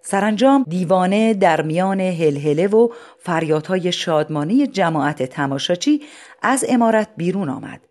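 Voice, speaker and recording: A storyteller reading a story aloud in a measured, even way. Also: mid-range voice. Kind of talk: scripted story narration.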